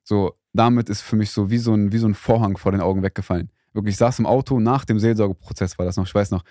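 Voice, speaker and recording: A man's voice: lowish voice, steady tone, quick pace, mellow, no room sound, studio quality. A young man co-hosting a casual faith podcast, talking in a rambling, hesitant way with many fillers. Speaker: podcast co-host.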